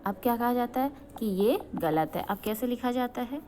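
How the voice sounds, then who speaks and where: A woman's voice: fairly high pitch, expressive, normal speed, mellow, a little hiss or hum. A young adult woman from Uttarakhand teaching a grammar lesson, asking questions and answering them herself, often checking that students follow. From Uttarakhand, India.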